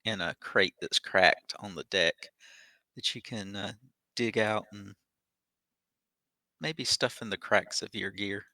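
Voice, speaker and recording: A man's voice: on the low side, slow pace, long pauses, bright, forceful tone, no room sound. A man narrating a tabletop game as its game master.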